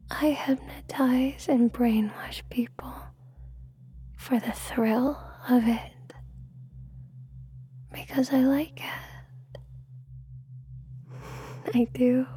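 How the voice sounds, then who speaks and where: A woman's voice: a little high, dark tone. A woman in a whispered role-play as a seductive, controlling hypnotist, speaking intimately close, right in the listener's ear. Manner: slow, unhurried, suggestive delivery. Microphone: very close microphone.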